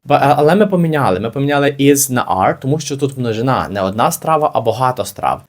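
A man of average pitch giving a language lesson. He explains each phrase patiently and says it again slowly so that learners can follow. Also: animated. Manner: slow, careful, repeats phrases for learners. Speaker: English teacher.

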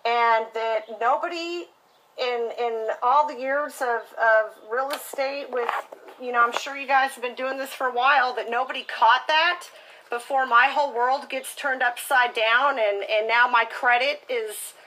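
A woman's voice: fairly high pitch, unhurried, sharp tone, slight background noise, poor audio. A woman customer complaining in a heated phone conversation, indignant and insistent.

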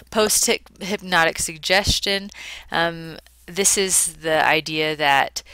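A woman's voice: deep voice, bright, forceful tone, clear, resonant tone, no echo. A woman giving a conversational slide lecture, explaining informally like a psychology teacher.

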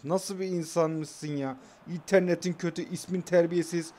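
A man's voice: on the high side, steady tone, moderate pace, a little mellow, a little hiss or hum. A young man casually commentating his own football video game match, calling out passes and trash-talking his opponent.

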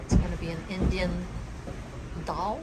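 Middle-aged woman, relaxed sailing vlog narration, lowish voice, phone mic with heavy wind noise. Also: moderate pace. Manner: relaxed, chatty, describing the scene as she films. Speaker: sailing vlogger. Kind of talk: casual narration while sailing. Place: outdoors on a sailboat at sea, also in the cabin. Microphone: handheld phone camera. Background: loud wind and water noise.

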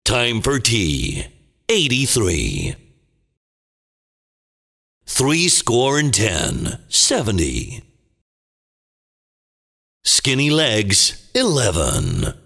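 Gravelly movie-trailer announcer calling bingo. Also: male voice, wildly swooping pitch, bright, forceful tone, full character voice. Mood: dramatic, portentous. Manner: theatrical, deliberate, clipped phrases. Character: booming, dramatic male movie trailer announcer. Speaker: bingo caller. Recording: long booming reverb.

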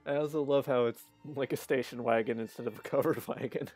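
A man's voice: mid-range voice, steady tone, fairly quick, a little mellow, breathy edge, soft background music. Chatty man streaming a game. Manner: chatty and rambling, laughs often, restarts sentences. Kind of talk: casual live-stream commentary.

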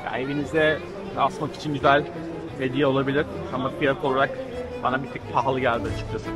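Over loud music, a mid-range voice belongs to a thirtysomething travel vlogger from Turkey filming handheld at arm's length. Wandering a crowded covered market and then a rain-soaked square, he chats in a steady, informal way, hesitating and drawing out many fillers amid noisy crowd and city ambience.

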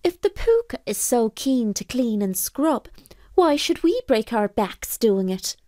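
A woman's voice: a little high, very animated, measured pace, warm tone, no room sound, clean studio sound, pitched above the performer's own voice. A woman voicing an outspoken female house servant who speaks in exclamations. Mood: exasperated.

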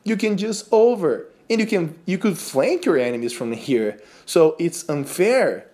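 This Brazilian gaming YouTuber has a fairly high, slightly mellow voice and talks in an animated, unhurried way. He commentates gameplay casually in English, his second language, with a Brazilian Portuguese accent, laughing in disbelief at glitches in the game.

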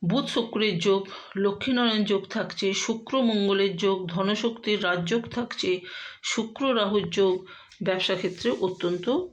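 A woman astrologer giving a horoscope talk to her viewers in a steady, explanatory way, with frequent pauses and filler sounds. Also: mid-range voice.

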